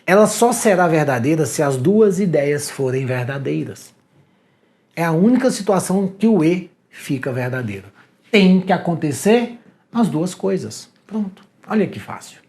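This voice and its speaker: A Brazilian man gives an energetic video lecture, and his pitch swings widely from phrase to phrase. He talks straight to the viewer in an animated, slangy way, like a teacher keeping a class awake. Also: moderate pace. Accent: Brazilian Portuguese. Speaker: exam prep teacher.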